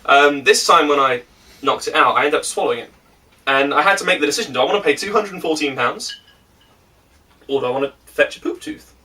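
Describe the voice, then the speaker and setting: A man's voice: a little high, expressive, a little fast, bright, forceful tone. A man hosting a casual podcast chat among friends, telling stories with plenty of laughter and jokes. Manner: laughing, joking storyteller. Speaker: podcast host. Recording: distant mic with faint noise.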